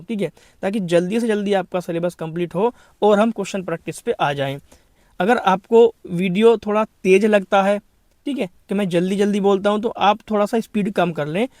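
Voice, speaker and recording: A man with a high voice teaches an exam-prep grammar lesson. He poses questions and answers them himself, repeating each point. The recording is dry and close. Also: darkish tone, no room sound. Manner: explains then repeats each point, asks and answers his own questions; addresses students as brother.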